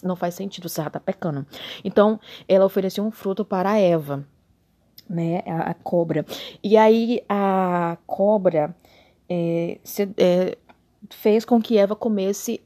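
A woman's voice: medium pitch, darkish tone. Tipsy, sarcastic woman. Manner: irreverent, sarcastic, swears, drawls. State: tipsy from beer. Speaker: comic commentator reading the Bible. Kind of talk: casual comedic Bible commentary.

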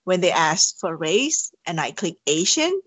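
A Thai woman speaks English with a Thai accent in a casual interview conversation, answering hesitantly with many fillers and restarts. Her fairly low, fairly bright voice swings widely in pitch, a little slow, with no room sound.

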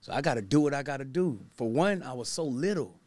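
Talking fast and animatedly in a mid-range, darkish voice, this Baton Rouge, Louisiana man is a pastor and motivational speaker appearing as an interview guest. He shares his story candidly in a relaxed, plain, slangy manner, and there's no room sound.

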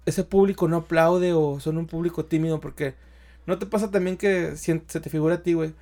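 A young Mexican man, a stand-up comedian, telling stories in a slangy, animated way and acting out what people said. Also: on the high side, brisk. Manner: animated storyteller, slangy, acts out quotes. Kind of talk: casual podcast chat.

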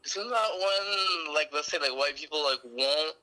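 A caller's voice comes from a phone set on speaker, distant and a little thin, with a bright tone. He is a man talking casually. He fires quick questions and pushes back on what the hosts say. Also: a little high. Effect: heard over a phone on speaker. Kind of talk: casual chat. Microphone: phone on speaker held near the hosts' mic.

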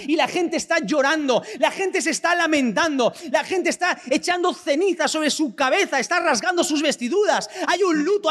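A man from preaching a sermon with emphatic rhetorical questions. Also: very high voice. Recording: long reverb of a large room.

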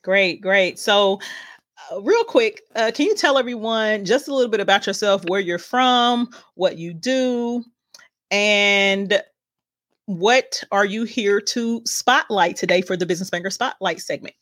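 A woman's voice: mid-range voice, unhurried, fairly bright tone, no room sound, clean studio sound. Upbeat woman podcast host. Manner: upbeat, brief, asks questions with fillers. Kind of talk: podcast interview.

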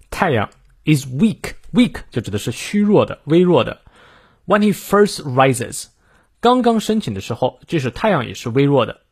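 A man teaching an English reading lesson, explaining in Chinese and reading English sentences slowly and carefully. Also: mid-range voice, slightly rough. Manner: slow careful English read-aloud.

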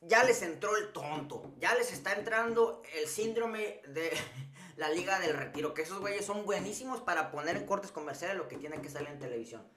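A man's voice: high voice, normal speed, roomy sound, crowd noise. A man co-hosting a wrestling podcast, recapping matches in a joking way and using lots of colloquial slang. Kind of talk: casual chat.

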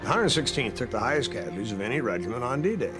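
An older male veteran speaks emphatically as he remembers in a documentary interview. His pitch moves widely, and music plays clearly behind him. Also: sing-song, fast talker. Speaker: war veteran.

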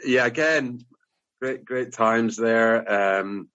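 A man in his early forties with a Highland Scottish accent, chatting informally and jokily about himself as a guest. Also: takes it slowly, a bit bright, no echo, highs cut off. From Inverness, Scottish Highlands. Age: early 40s. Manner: jokey, informal. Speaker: podcast guest. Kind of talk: casual personal storytelling.

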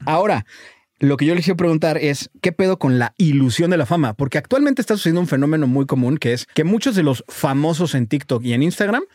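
A man's voice: a little high, lively intonation, fast talker, a little mellow, dry recording, studio quality. A man with a Mexican accent co-hosting a casual podcast chat, opinionated and swearing freely. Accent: Mexican Spanish. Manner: opinionated, profane, repeats words. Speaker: podcast co-host.

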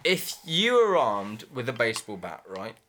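A man's voice: medium pitch, sing-song, normal speed, pushed and bright. A British man bantering casually as a podcast co-host, sweary and insistent as he argues his points.

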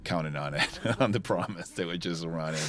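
Male film director, very deep voice, informal commentary, halting and repetitive phrasing. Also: fairly bright tone.

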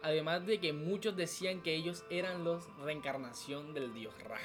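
A man's voice: a little high, normal speed. A young man co-hosting a casual podcast, reading notes aloud with stumbles and side remarks. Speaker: podcast co-host. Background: faint background music.

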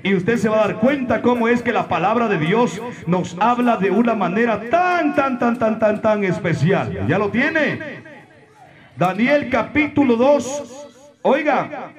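Male preacher, high and animated, emphatic shouting delivery, live church with the congregation audible. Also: slow pace, crowd noise. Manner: emphatic, preaching with rhetorical questions and sudden shouts. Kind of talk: sermon.

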